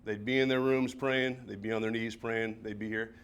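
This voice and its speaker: A man in his early forties, a high school football coach, giving a personal talk at a seminar in a church, chatting with many fillers and tag questions. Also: steady tone, normal speed, a bit bright, clean tone. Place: church meeting room.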